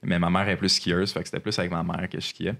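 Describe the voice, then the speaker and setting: A man's voice: low-pitched, level tone, quick pace, vocal fry, a bit bright. A man in his twenties from Montreal with a Québécois accent, telling stories as a podcast guest, rambling with many fillers and restarts, at a table mic in a room. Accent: Québécois French. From Montreal, Quebec. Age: 20s. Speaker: podcast guest, alpine skier. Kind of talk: casual storytelling. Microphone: desk microphone.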